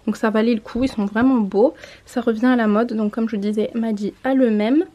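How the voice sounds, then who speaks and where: A woman's voice: a little high, fairly even intonation, a little fast, warm tone, lo-fi sound. A woman in her twenties chatting casually in a haul vlog, showing clothes to the camera and correcting herself as she goes. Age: 20s. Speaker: mom vlogger. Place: home room by a window.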